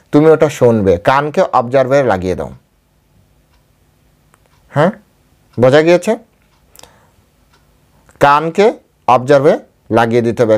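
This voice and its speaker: A man with a Bengali accent giving a devotional scripture lecture as a preacher. He asks and answers his own questions, repeats key phrases and slows down to quote and chant verses. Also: medium pitch, darkish tone.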